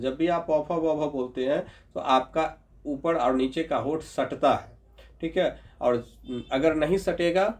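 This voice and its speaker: Patient male grammar teacher, slightly high voice. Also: darkish tone. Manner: patient, repeats sounds slowly, checks in with "ठीक है"; addresses viewers as "Babu". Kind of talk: explanatory lesson.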